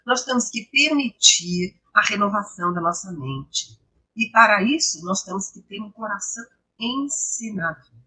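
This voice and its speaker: A woman from Brazil teaching English online, mixing in Bible reflections, explaining patiently and asking her class rhetorical questions, her voice a little hoarse. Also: mid-range voice, expressive, measured pace, bright, forceful tone, low-quality recording. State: slightly hoarse, coughing. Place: home, live stream.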